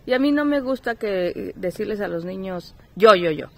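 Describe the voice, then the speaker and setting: A woman, a mother and small business owner, talking softly and emotionally to her viewers in a casual home vlog. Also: medium pitch, animated, normal speed, poor audio. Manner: soft, emotional and heartfelt, thanking viewers. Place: home kitchen, a film playing in the background.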